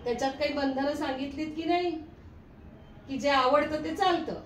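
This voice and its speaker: A woman's voice: sits high, normal speed. An older woman in a comic sketch, nagging and scolding her husband at length. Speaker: wife. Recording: echoey room, mic from a distance, faint noise.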